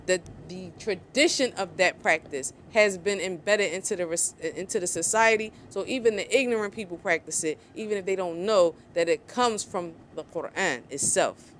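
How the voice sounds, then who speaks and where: A woman's voice: lowish voice, normal speed, few pauses, slight background noise. A woman vlogger, giving angry, sarcastic opinion commentary. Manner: heated, sarcastic, mocks others in put-on voices.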